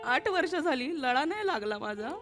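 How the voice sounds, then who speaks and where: A woman's voice: sits high, animated, moderate pace, over music. A woman playing an aggrieved wife in a stage comedy sketch, whining sarcastically and wailing to God. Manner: whiny, sarcastic, wails to God. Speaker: comic actress in a sketch.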